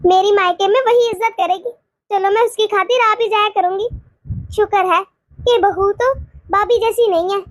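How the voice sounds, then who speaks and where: A woman voicing a gentle, grateful elderly aunt in a cartoon, chatty and mild. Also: extremely high pitch, steady tone, normal speed, no echo, clean studio sound. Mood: musing. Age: older. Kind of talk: cartoon voice acting.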